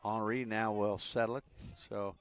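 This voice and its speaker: A man with a fairly low voice calls a soccer match live. His delivery is relaxed and conversational, with plenty of fillers between the plays. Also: moderate pace, dry recording. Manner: relaxed, chatty, with frequent fillers. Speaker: play-by-play commentator.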